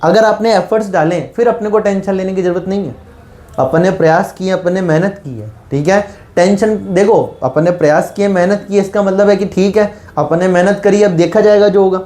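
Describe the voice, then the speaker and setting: A man teaching a chemistry lesson in a colloquial, encouraging way, repeating key terms and asking his students quick rhetorical questions. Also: high-pitched, fairly even intonation, warm tone. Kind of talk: classroom-style lecture.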